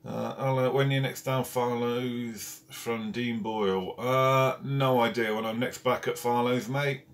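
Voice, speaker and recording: A man's voice: medium pitch, fairly even intonation, measured pace. A man hosting a casual live stream from home, chatting and greeting viewers one by one by name. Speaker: carp fishing channel host. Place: at home, indoors.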